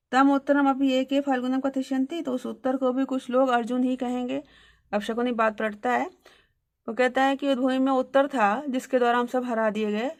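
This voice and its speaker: A woman teacher reading Sanskrit verses aloud, then translating and explaining them line by line. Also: high-pitched.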